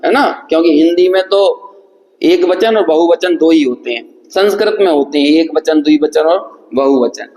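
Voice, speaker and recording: A man from India giving a scripture lecture in a hall, explaining with questions and repeated examples. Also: high-pitched. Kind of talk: scripture lecture with chanted verses. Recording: echoey hall.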